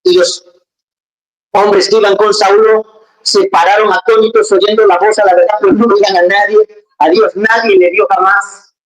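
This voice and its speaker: A preacher giving a lively sermon, full of conversational asides, jokes and rhetorical questions to the congregation. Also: mid-range voice, moderate pace, rough recording.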